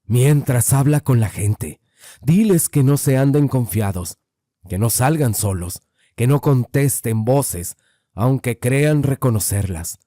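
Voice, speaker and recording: A man voicing an older rural mountain man, grave and wary, speaking slowly and low. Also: lively intonation, mellow, dry recording, clean studio sound. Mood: grave warning.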